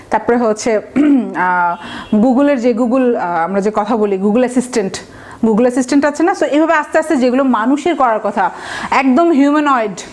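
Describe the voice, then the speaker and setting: A woman with a Bangladeshi accent gives an exam-prep vocabulary lesson in a high voice. She explains word roots step by step and keeps checking that her listeners follow. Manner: explains patiently with frequent checking questions. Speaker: vocabulary teacher.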